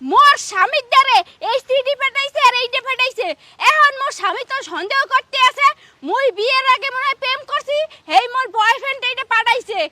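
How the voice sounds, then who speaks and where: A squeaky bickering village wife, fast and piercing. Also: female voice, noisy background. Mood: angry. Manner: pleading then scolding, shrill sped-up voice. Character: sly quarrelsome village wife.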